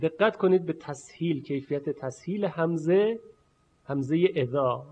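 Man teaching, slowly modeling sounds. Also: fairly high pitch, expressive, a little mellow. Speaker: recitation teacher. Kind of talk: spoken lesson. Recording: muffled lo-fi recording.

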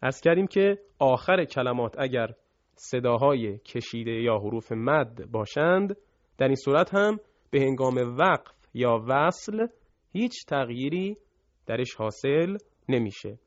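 A man teaching Quran recitation rules, explaining quickly between slow, chanted examples for students to repeat. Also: medium pitch, animated, no echo. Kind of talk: recorded tajwid lesson with recited examples. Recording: dull lo-fi sound.

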